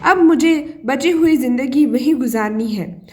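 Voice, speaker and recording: A woman voicing an angry, stubborn elderly mother-in-law who scolds in sharp retorts. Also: high-pitched, a little slow.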